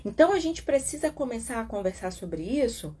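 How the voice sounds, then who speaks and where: Husky Brazilian woman, animated talk. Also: fairly high pitch, fairly quick. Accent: Brazilian Portuguese. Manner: animated, rhetorical, acts out quoted voices. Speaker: live talk host on codependency and couples. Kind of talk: casual live talk about a self-help book.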